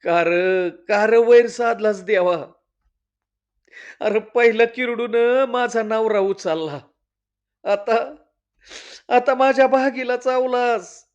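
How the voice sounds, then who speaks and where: A man voicing a grieving village widow who cries out and laments loudly. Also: very high-pitched, slow, pauses often, voice pushed up. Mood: wailing grief. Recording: dull lo-fi recording.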